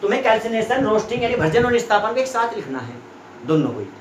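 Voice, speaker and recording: A man's voice: sits high, big pitch swings, quick pace, slight background noise. A young man tutoring students in a classroom, explaining chemistry step by step and often checking that they follow. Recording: echoey room.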